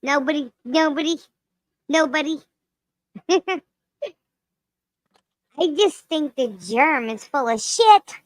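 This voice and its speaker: A woman voicing a cheeky, crude, childlike lemur puppet with a loud, sharp, piercing voice, in improvised comedy. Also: sits high, animated, slow, long pauses, dry recording, studio quality. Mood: mock-indignant. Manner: playful, giggly, potty-mouthed. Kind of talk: improvised live-stream character comedy.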